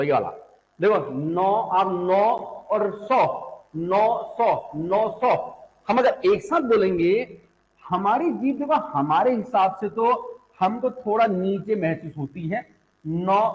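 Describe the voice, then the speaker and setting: Male teacher, young adult, high lively voice, asks and answers his own questions, classroom reverb. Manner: asks students questions and answers them, repeats syllables. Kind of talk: classroom lecture on Hindi phonetics. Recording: echoey classroom.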